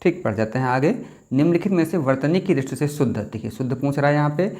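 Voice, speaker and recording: Hindi exam teacher, explaining and checking. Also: male voice, on the high side, lively intonation, fast talker, darkish tone. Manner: explanatory, repeats rhetorical questions and "theek hai". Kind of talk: exam-prep lesson.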